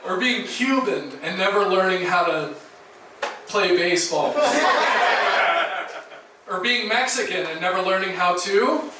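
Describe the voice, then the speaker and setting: Recorded from a distance in a noisy, echoey small club, a Jacksonville, Florida comedian pokes fun at himself, delivering his punchlines conversationally. He speaks in a high, animated voice, a little slowly, pausing often.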